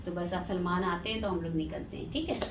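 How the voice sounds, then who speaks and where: A woman's voice: on the low side, brisk, noisy background. A woman family vlogger, chatting casually to her viewers and calling them "janab" as she films herself on a phone. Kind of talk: casual vlog narration. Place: at home and at a family birthday party.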